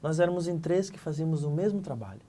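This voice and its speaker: A middle-aged man from Santa Catarina, Brazil, giving an interview as a guest and telling a personal story in a lively way, acting out the dialogue and swinging between loud and hushed. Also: on the high side, fast. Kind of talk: animated personal testimony.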